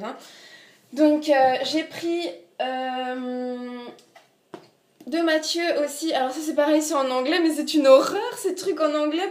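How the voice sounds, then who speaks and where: A young woman with an Alsatian accent talks in a high, bright voice, chatty and full of little hesitations. She pokes fun at herself as she shows off her books. The sound is roomy and echoey. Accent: Alsatian French. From Alsace, France. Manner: chatty, many fillers, self-mocking. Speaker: book vlogger. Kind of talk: casual book haul vlog. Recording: echoey room.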